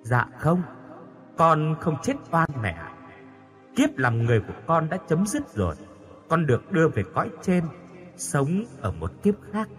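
Man reads gentle ghost daughter, soft and pleading, lively lilt. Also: a little high, a little slow, faint music behind. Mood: tender. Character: young dead daughter, tender spirit.

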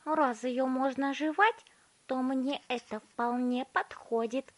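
A woman voices a spoiled, stubborn girl who chews gum, speaking slowly in a shrill, demanding tone and humming between bites. The mood is bratty and greedy.

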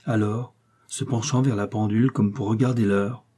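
A man reading a classic novel aloud in a measured, expressive way. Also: lowish voice, slightly rough. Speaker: audiobook reader. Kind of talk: literary narration.

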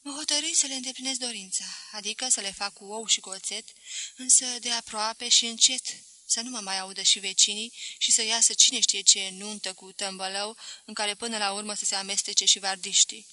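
A woman narrating a novel as an audiobook reader, in a measured, expressive way. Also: medium pitch, no room sound, poor audio. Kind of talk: scripted narration.

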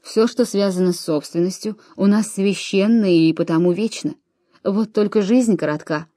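A grave, world-weary Roman commander in his late forties, read by a woman in a storybook reading, his words dropping low and heavy. The voice is mellow and dark, set close and dry with no room around it. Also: moderate pace, no echo, lightly acted. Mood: awed. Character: aging weary Roman commander, man of forty-seven.

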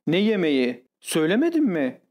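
A man voicing a flustered, coquettish young lady of the house in an audiobook reading, raising his voice higher for her. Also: huge pitch swings, brisk, darkish tone. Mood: urgent.

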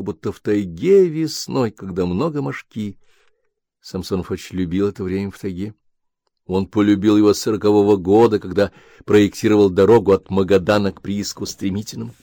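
A man reading a novel aloud as narrator in an even, subdued manner. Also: lowish voice, no room sound, clean studio sound. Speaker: audiobook narrator. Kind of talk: scripted narration.

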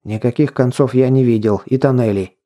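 A man's voice: mid-range voice, fairly even intonation, a little fast, warm tone, natural voice. A man reading an audiobook, voicing a wary, prickly young rich man who answers curtly. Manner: defensive, curt. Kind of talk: audiobook dialogue.

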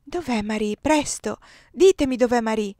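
A woman voicing a dying, delirious male general in a whispered role-play, breathy and halting. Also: on the high side, animated, dark tone, no room sound, clean studio sound, lightly acted. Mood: faint, pleading.

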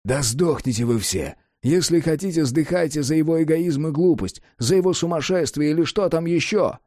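A man voicing a contemptuous gunman who speaks coldly and slowly, with clipped words. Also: a little high, animated, mellow, dry recording, clean studio sound, pitched above the performer's own voice. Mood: cold anger. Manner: cold, slow, clipped, barking.

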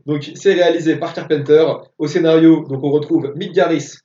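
A methodical man working through dates and credits on a casual film podcast. His voice is mellow and a little high. He sits away from a dull mic. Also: steady tone, normal speed. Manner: methodical, reads facts and dates. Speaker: podcast co-host. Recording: echoey room, distant dull mic.

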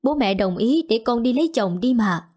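A woman's voice: a little high, lively intonation, normal speed, dark tone. A woman reading as a timid, determined poor girl. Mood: pleading.

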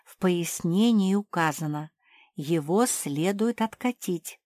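A woman voicing a doubtful pug sister, a fussy stylist who mutters slowly and skeptically. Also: lowish voice, a little mellow, no echo, clean studio sound.

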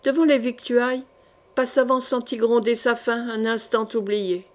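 Brief : narratrice femme, lecture mesurée et expressive, timbre assez haut. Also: female voice, fairly high pitch, normal speed. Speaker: audiobook narrator. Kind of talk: scripted narration of a historical novel.

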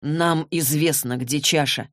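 A woman's voice: deep voice, slow pace, dry recording. A woman voicing a young male warrior who talks in a dry, teasing way. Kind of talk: audiobook character reading.

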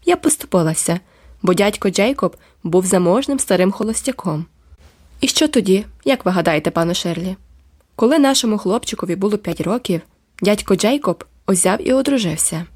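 A woman's voice: mid-range voice, expressive, a little fast, a little mellow, close to an everyday voice. A woman voicing a pompous, overdressed middle-aged lady who is indignant and fussy, in an audiobook. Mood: haughty. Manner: haughty, fussy, insistent. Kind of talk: audiobook character voice.

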